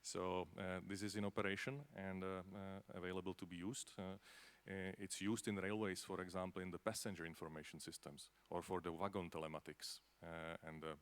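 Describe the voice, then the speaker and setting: On a conference panel, a space agency representative from the Czech Republic responds in a Czech accent, chatty and loaded with fillers and tag questions. His deep voice is level and clean, moving a little fast with few pauses.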